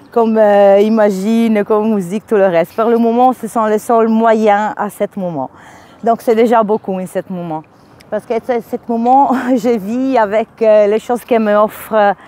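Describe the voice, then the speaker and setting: A woman's voice: fairly high pitch, mellow. A woman with a foreign accent in French, a non-native speaker talking informally and searching for words in a spiritual vlog monologue. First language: not French. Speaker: spiritual vlogger and energy healer.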